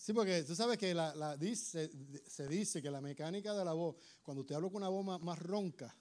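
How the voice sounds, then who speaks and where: A man preaching a sermon, his voice slightly hoarse, animated and acting out voices. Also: fairly high pitch, normal speed. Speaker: pastor.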